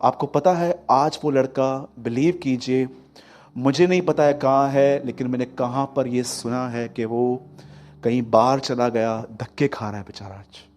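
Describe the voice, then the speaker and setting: A man preaching a sermon, telling stories and swinging between loud and hushed delivery. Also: medium pitch, unhurried. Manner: lively storytelling, acting out quotes, swings from loud to hushed. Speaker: pastor.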